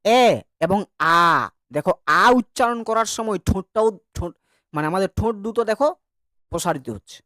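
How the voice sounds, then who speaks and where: A man's voice: high-pitched, normal speed, a bit bright, no echo, studio quality. A man teaching an online grammar class, chatty and joking as he drills vowel sounds with his students.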